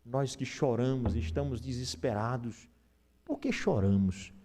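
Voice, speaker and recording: A man's voice: medium pitch, measured pace, warm tone. A man with a Brazilian Portuguese accent, preaching an Easter sermon as pastor and asking the congregation rhetorical questions.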